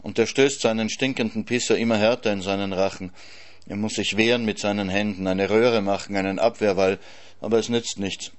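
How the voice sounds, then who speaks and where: Man reading literary prose, low-pitched. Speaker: reader.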